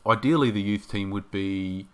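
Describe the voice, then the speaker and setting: A man giving casual game commentary, thinking aloud and rambling with hesitations, his voice getting hoarse. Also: lowish voice, normal speed, a bit bright.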